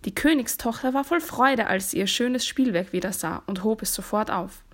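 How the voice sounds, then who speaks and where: Soft-voiced woman reading a fairy tale. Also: a little high, lively intonation, moderate pace. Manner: soft and hushed, partly whispered. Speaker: storyteller.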